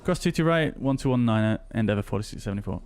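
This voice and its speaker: Streamer on a headset mic. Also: male voice, on the low side, expressive, fast talker, a little mellow, slight background noise. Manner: chatty, talks to chat between radio calls. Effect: livestream headset mic audio. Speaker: flight sim streamer. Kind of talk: livestream chat and pilot radio calls.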